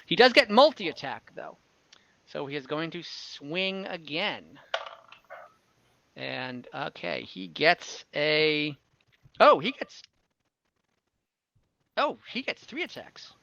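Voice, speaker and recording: On an online voice call, a game master runs a tabletop fantasy game, thinking aloud as he tallies dice and narrates combat. His voice is medium-pitched, creaky and sharp in tone, captured by a dull lo-fi mic with faint noise and clicks.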